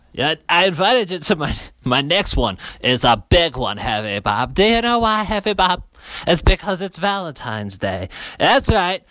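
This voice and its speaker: A man's voice: medium pitch, pushed and bright, no room sound. A man leaving a chummy, boisterous voicemail for a friend, rambling through a long list. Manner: boisterous, chummy, lists names at length. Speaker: caller.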